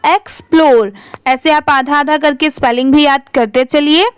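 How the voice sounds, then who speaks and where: High-pitched young woman with a hindi accent teaching reading, spells letter by letter, asks then answers herself. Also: fairly even intonation, moderate pace, no room sound. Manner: spells words letter by letter, asks and answers her own questions. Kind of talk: slow spelled-out reading lesson.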